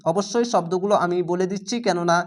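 A man with a Bangladeshi Bengali accent teaching Quran reading, spelling each syllable slowly and patiently, then reciting words drawn out. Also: sits high, steady tone.

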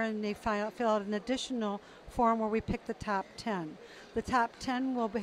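A middle-aged woman, a program representative, answers interview questions about an awards program in a fairly high voice. She's informative with some fillers, speaking into a handheld mic in an exhibition hall with slight background noise.

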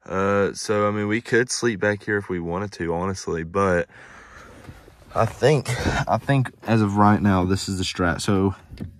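A man's voice: fairly low pitch, a little hiss or hum. A young man, vlogging casually from inside his pickup truck, rambling with lots of fillers. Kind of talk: casual vlog narration.

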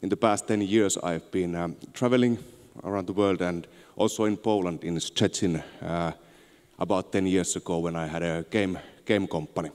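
A Finnish tech entrepreneur in his thirties gives an informal, somewhat halting conference talk on stage in a large auditorium, holding a handheld microphone. He has a Finnish accent and a low-sitting, steady voice that is a little mellow. The echoey hall adds long reverb to the recording.

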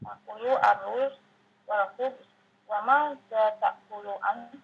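A woman student reading an Arabic dialogue aloud in an online class, slowly and hesitantly. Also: medium pitch, creaky, husky, narrow, tinny audio.

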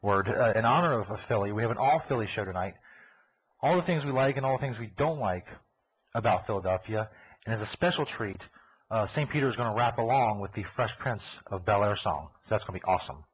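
A man with a Kentucky accent hosts a live internet radio show in a fairly low, animated voice, talking fast and rambling through profane, laughing chatter while talking over himself. He's on a computer mic over a call line, so it sounds tinny and phone-like, with a bit of hiss or hum.

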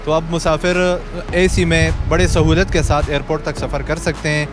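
A man interviewed on camera with a handheld mic, calmly explaining. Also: fairly high pitch, moderate pace. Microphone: handheld microphone. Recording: background music under voice.

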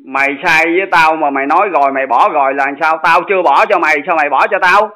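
A man confronts the other side of a phone call and keeps pressing for an answer. His voice is bright and forceful, pitched a little high, and he talks fast. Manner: insistent, demanding, confrontational. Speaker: channel host in a dispute. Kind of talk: heated phone argument.

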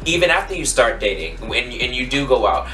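Twenties man from Maryland, frank and reflective interviewee, bright forceful tone, recorded roomy and off-mic with faint music. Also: mid-range voice, fairly quick. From Maryland, USA. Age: 20s. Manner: frank and reflective, animated when arguing. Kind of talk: candid interview answers. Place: room with yellow backdrop. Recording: echoey room, distant mic, faint music.

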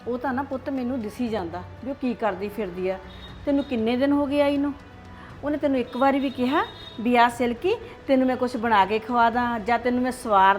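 A woman with a Punjabi accent playing a scheming older grandmother who coaxes a child in a soft, conspiratorial way. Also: a little high, natural voice. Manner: coaxing, conspiratorial.

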